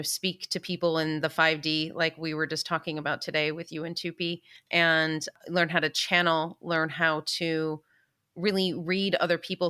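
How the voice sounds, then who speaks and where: A woman's voice: sits low, sharp tone, smooth. A woman guest, a spiritual teacher, explaining her workshop in a conversational way.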